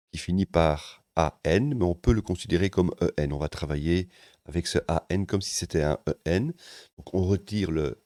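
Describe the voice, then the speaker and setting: A man with a very low voice teaches grammar in a calm, methodical way, pausing now and then to find his words. The sound is dry and close, with no room around it. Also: dry recording. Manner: calm, methodical, with occasional hesitations. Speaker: language teacher. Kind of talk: explanatory grammar lesson.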